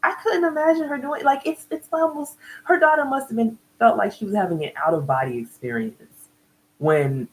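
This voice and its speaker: A woman's voice: moderate pace, rough recording. A woman recapping a reality TV episode in casual chat, laughing often and acting out what the people said. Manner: chatty, laughs often, acts out quotes with jumps in pitch. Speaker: reality TV reviewer.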